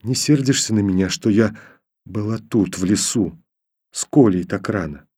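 A man's voice: medium pitch, normal speed, warm tone, husky, lightly acted. A man voicing a remorseful teenage girl. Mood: tender, pleading. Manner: pleading, earnest.

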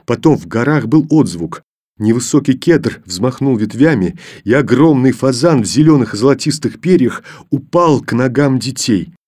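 A man narrating an audiobook in a measured, even storytelling manner. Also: mid-range voice, breathy edge.

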